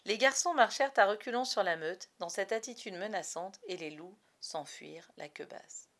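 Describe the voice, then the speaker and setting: A woman reading a children's story aloud in an expressive, dramatic storytelling manner. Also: mid-range voice, normal speed. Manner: lively, dramatic reading with varied loudness.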